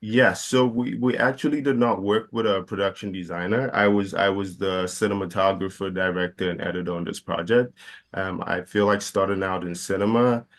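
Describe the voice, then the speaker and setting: A young man from Ghana, a filmmaker being interviewed, talking in a halting way with many fillers and restarts. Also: sits low, steady tone. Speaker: filmmaker guest. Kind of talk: casual interview.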